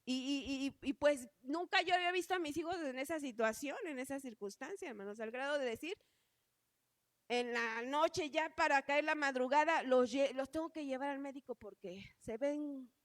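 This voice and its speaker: A woman's voice: sits high, moderate pace, no echo, studio quality. A woman preaching a sermon in an earnest way, often calling out to her congregation as brothers.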